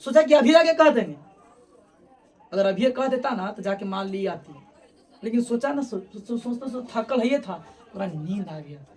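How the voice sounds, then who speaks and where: A woman teacher, retelling a story to her students in an animated way, often repeating phrases and calling on them to listen. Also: a little high, moderate pace, breathy edge, distant mic.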